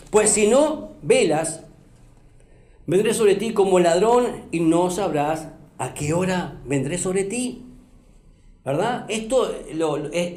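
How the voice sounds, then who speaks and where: A man's voice: high voice, darkish tone. A man preaching a sermon as pastor, emphatic, repeating phrases and asking the congregation questions. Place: church hall. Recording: echoey church room.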